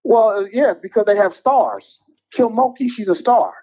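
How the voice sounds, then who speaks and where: A man calling in to a show from a parking garage, heard over a phone line that sounds like speakerphone, blunt and opinionated with halting restarts. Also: high voice. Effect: phone call that sounds like it is on speakerphone. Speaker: caller. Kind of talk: casual call-in chat.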